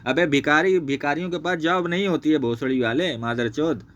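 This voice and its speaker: A man with a fairly high, fairly bright voice speaks briskly as he rants over a screen share. A channel host exposing a former associate, he swears constantly, repeats himself angrily, and points at things on screen.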